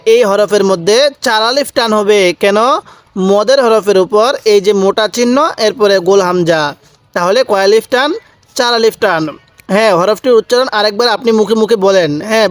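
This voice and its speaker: A man teaching Quran reading, drawing out each syllable slowly, repeating sounds and asking the viewer to say them back. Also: sits high, no room sound. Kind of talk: slow, patient recitation lesson.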